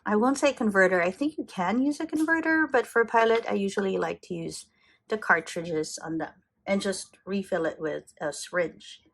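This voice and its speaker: A middle-aged woman from the Philippines, speaking with a Filipino accent, enthusiastically shows off her fountain pen collection in a casual show-and-tell, frequently correcting herself. Her voice is gravelly, fairly bright and medium-pitched, at normal speed.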